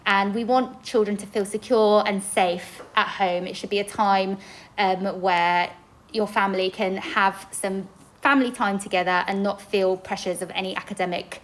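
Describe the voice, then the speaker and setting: In a rough recording, a young adult inclusion teacher from Poland, a native Polish speaker, addresses parents in a podcast-style school presentation. Her medium-pitched voice stays fairly even at normal speed as she earnestly explains language learning, restarting now and then.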